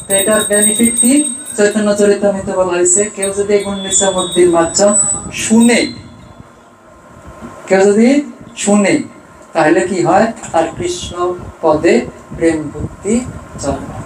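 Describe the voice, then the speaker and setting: A man giving a devotional sermon. He keeps asking questions and answering them himself, rising for emphasis and trailing off low. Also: fairly even intonation, moderate pace, pauses often, darkish tone, reverberant, a little hiss or hum, rough recording. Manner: rises in pitch and volume for emphasis, trails off low. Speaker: preacher. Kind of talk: devotional sermon with chanted verses.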